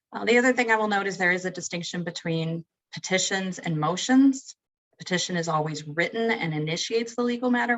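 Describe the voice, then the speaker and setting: A woman with a fairly low voice leads a webinar lesson. She works through legal terms one at a time in a steady, methodical way, with occasional light humor in her phrasing. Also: poor audio. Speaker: webinar presenter.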